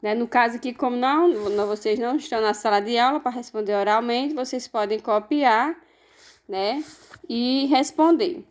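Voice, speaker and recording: A woman with a Brazilian Portuguese accent, teaching young children a remote lesson, explaining each step slowly and patiently. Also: fairly high pitch.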